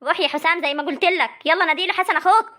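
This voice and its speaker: A woman's voice: extremely high pitch, bright, forceful tone. A woman with an Egyptian accent playing an older village mother in a comic family drama, scolding and trying to make peace. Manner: chiding, soothing, fast talk. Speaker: mother and aunt in a family feud.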